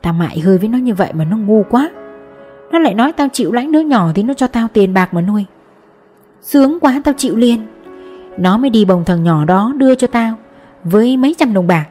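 A woman reading the part of a rough middle-aged male petty thief with coarse, boastful talk in an audiobook. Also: fairly high pitch, animated, brisk, mellow, faint music behind, close to an everyday voice. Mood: gruff. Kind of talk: audiobook narration.

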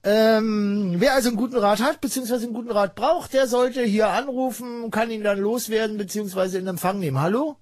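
A man's voice: sits high, fairly even intonation, brisk, few pauses, no echo. A man hosting a call-in radio show, rambling and joking with lots of fillers.

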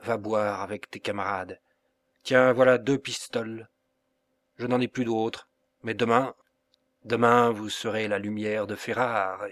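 A man voicing a proud, temperamental middle-aged sculptor in a storybook reading, commanding and loud. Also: fairly low pitch, steady tone, a little slow, dry recording. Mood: hearty.

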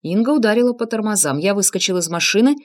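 A woman narrating a first-person crime novel as an audiobook, reading with expressive emphasis. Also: fast. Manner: expressive, shifting pitch for emphasis.

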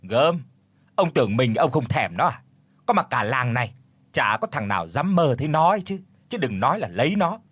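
A man's voice: mid-range voice, very animated, moderate pace, a bit bright, husky, no room sound. A man voicing a scoffing young villager.

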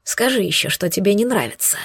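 Smug, mocking male demon, low and slow; a woman reads him in a dry studio read. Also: lively intonation, slightly rough, no echo. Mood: teasing.

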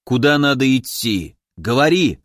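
A man putting on a gruff ancient hermit. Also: medium pitch, lively intonation, measured pace, a bit bright, no room sound, studio quality. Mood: excited. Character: grumpy tiny ancient hermit, bossy and gruff.

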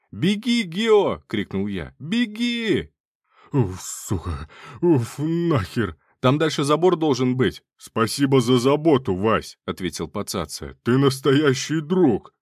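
A man's voice: lowish voice, dry recording, studio quality. A man narrating a first-person audiobook in a wry, sardonic, conversational way.

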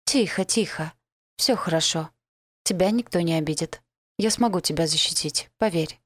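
A woman's voice: fairly low pitch, moderate pace, no echo, natural voice. A woman doing a soothing, tender male elf. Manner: soft, soothing, reassuring. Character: male dark elf, calm, protective, tender. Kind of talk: audiobook character voice.

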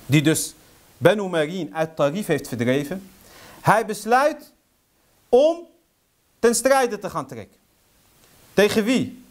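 Brief: man with a high voice, lecturer, indignant storyteller, asks rhetorical questions. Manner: heated, indignant; sprinkles Arabic phrases into speech. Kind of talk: history lecture.

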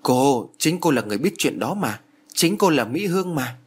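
A man voicing a frightened elderly mother, talking in a shrill, quavering, exclaiming way. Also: very animated, a little fast, breathy edge. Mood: terrified.

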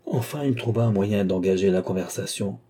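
Warm, husky male story reader. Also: fairly low pitch, fairly quick. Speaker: narrator. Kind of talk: scripted narration of a short story.

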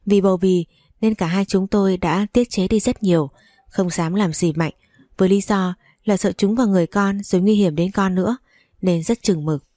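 A woman's voice: medium pitch, normal speed, dark tone, dry recording, clean studio sound. A woman narrating a first-person story in a chatty, wry storytelling manner.

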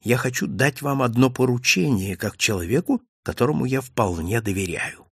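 A man voicing a calm, didactic Italian male detective in an audiobook reading, speaking in a lecturing, commanding manner. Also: mid-range voice, normal speed, breathy edge, dry recording, clean studio sound. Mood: instructive.

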